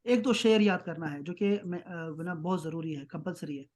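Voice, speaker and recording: A man's voice: fairly high pitch, a little mellow. Patient man teaching grammar online. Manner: patient, keeps checking with "ٹھیک ہے؟"; slows down to spell out Arabic terms. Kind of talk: online class lecture.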